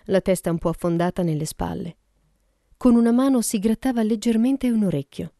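Audiobook narrator, woman, low and mellow, dry and close. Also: dry recording. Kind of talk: scripted narration.

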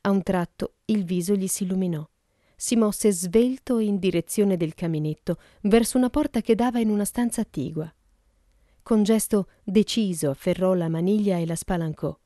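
A woman reading a mystery novel aloud as audiobook narrator, steady and suspenseful. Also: mid-range voice, normal speed, dry recording, studio quality. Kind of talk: scripted narration.

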